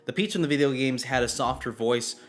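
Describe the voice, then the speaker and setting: A man's voice: mid-range voice, fairly quick. A man giving a spoken movie review, blunt and opinionated in his criticism. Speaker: film reviewer.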